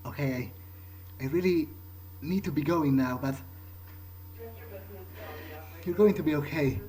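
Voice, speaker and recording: During a game playthrough, a man with a somewhat high, warm voice improvises in character at a normal speed, sounding hesitant, thinking aloud and repeating words as the host. The recording is low-quality, with clear background noise.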